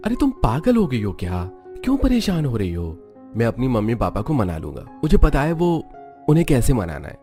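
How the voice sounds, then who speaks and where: A man plays an eager young man in a cartoon story, lifted well above his own narrating voice. He pleads and reassures in a bright, earnest way. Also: mid-range voice, huge pitch swings, normal speed, soft background music, pitched above the performer's own voice. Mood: reassuring.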